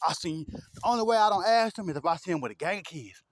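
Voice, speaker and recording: A man rants loosely to his camera, blunt and full of profanity. His voice sits somewhat high, and the sound is close and dry, with no room echo. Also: expressive, fast. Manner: blunt, profane, rambling street talk with repeated asides. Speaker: vlogger. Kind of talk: casual rant to camera.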